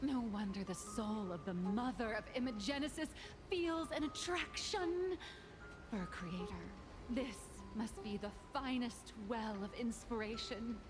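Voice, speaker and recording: A higher-pitched, whimsical young woman played by an actress in a video game. She muses dreamily and teases with expressive curiosity. Clear music plays behind her. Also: unhurried, natural voice. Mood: musing.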